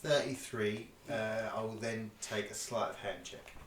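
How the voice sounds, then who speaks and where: A man's voice: fairly low pitch, steady tone, unhurried. Man game-mastering from across a roomy space. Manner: loose, conversational describing with fillers. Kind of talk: narrating a tabletop game. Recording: roomy, distant mic, faint noise.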